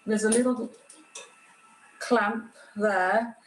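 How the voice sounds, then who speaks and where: A woman's voice: mid-range voice, fairly even intonation, very slow. A woman giving an informal hands-on demonstration, explaining each step in a plain-spoken way. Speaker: guest craftsperson demonstrating a cutting machine. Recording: roomy echo with clear background noise.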